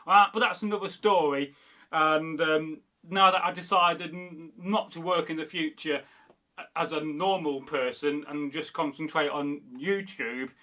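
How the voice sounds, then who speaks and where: A man from Derby, England hosts a history channel loosely, reading viewer comments and rambling off on tangents with many fillers and restarts. His voice is on the high side and bright, with fairly even intonation, a slightly slow pace, and a forceful tone.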